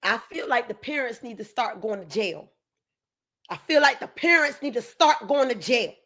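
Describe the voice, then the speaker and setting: A woman's voice: on the high side, animated, moderate pace, sharp tone. A woman hosting a commentary video, talking straight to her viewers and driving her points home with repetition. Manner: emphatic, keeps repeating herself for stress. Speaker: commentary host.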